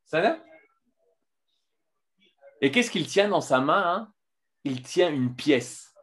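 A man teaching a filmed Torah lesson, lively, with many restarts and fillers. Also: fairly high pitch, takes it slowly.

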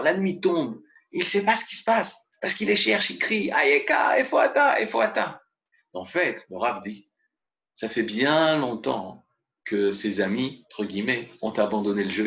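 Gravelly man teaching a religious lesson. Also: mid-range voice. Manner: expressive, mixes Hebrew terms into explanations. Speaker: Torah teacher. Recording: dull lo-fi recording.

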